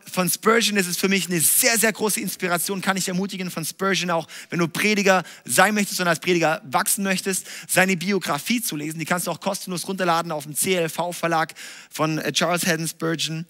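A male preacher giving an energetic, livestreamed lesson on preaching from a stage, often checking in with tag questions. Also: sits high, in a large hall. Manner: energetic, emphatic, asks listeners tag questions. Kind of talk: livestreamed teaching talk. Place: stage in a church hall.

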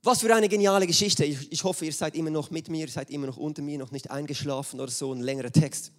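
A man preaching a sermon, reading a Bible story aloud and telling it in a lively way. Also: a little high, quick pace. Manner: lively storytelling, acts out quoted voices. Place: church hall with screen.

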